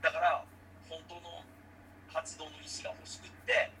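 A man from Osaka, co-hosting a casual chat and telling stories in a lively, animated way. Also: a little high, moderate pace, slight background noise, low-quality recording. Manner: lively, animated storytelling with laughs.

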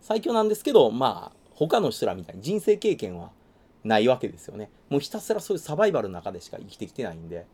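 A man in casual chat recommending a manga, animated, acting out character lines in quick funny voices. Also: medium pitch.

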